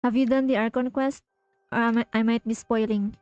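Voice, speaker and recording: A woman's voice: fairly high pitch, steady tone, fairly quick, darkish tone, smooth, dry recording, dull audio. A woman streaming a video game, chatting casually and giggling while she talks to her viewers. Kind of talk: casual livestream commentary.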